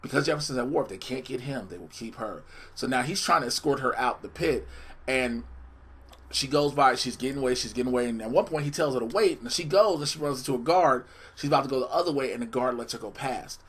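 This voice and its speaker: A man recaps and reviews a TV episode in a loose, slangy way, stopping often to restart and add asides. His voice is bright and forward, at a mid pitch for a man. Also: expressive, a little fast, slightly rough. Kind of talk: casual review commentary.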